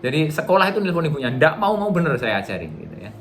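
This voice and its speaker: A man's voice: fairly high pitch, wildly swooping pitch, rapid-fire. A middle-aged man giving a relationship seminar to a live audience in a casual, chatty way, acting out little dialogues. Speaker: workshop trainer.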